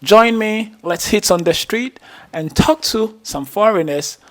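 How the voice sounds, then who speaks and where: A man's voice: high voice, measured pace. A man hosting a channel of street interviews, welcoming viewers enthusiastically and asking passersby questions. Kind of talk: upbeat vlog intro and street interview questions.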